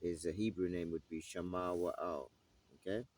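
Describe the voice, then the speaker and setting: A man's voice: sits low, steady tone, moderate pace, darkish tone. A man teaching a scripture study. He reads verses aloud and stops often to ask questions and check in with "right?" and "okay?". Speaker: Bible teacher.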